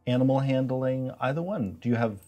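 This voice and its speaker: A man's voice: mid-range voice, fairly quick, mellow, soft background music. Man explaining as game master. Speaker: dungeon master. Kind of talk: tabletop game narration.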